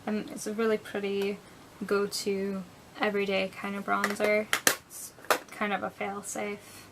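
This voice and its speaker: A woman's voice: mid-range voice, completely flat delivery, unhurried, vocal fry, background noise. A young woman chatting casually through a beauty product review, rambling a bit and dropping into whispered asides. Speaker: beauty vlogger.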